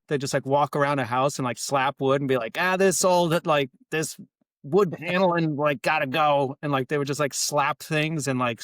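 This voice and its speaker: A man's voice: medium pitch, fairly bright tone, no room sound. Male podcast guest, mid-range voice, wry self-deprecating humor, casual chat, dry close sound.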